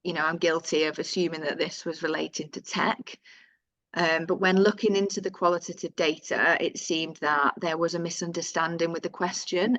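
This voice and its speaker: A woman's voice: low voice, vocal fry, a bit bright, no echo, muffled recording. A woman with a Northern English accent presenting survey findings in a webinar, reading out figures with fillers and self-corrections.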